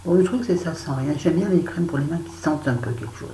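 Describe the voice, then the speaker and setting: A woman's voice: low voice, fast talker, dark tone. A middle-aged woman chatting casually through her used-up beauty products, playfully putting on a southern French accent. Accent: southern French, put on. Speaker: beauty vlogger. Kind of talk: casual empties review. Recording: echoey room with faint noise.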